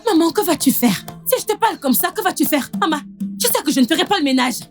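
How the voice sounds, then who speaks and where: A spoiled young village daughter, defiant and mocking. Her high voice swings up and down a lot, and she presses every point insistently. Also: animated, quick pace, soft background music. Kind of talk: dubbed film acting.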